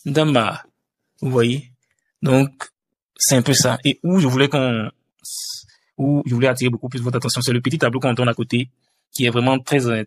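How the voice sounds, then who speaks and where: A man's voice: medium pitch, no echo. A man teaching a language lesson over a screen-share tutorial, hesitant, with many fillers and restarts.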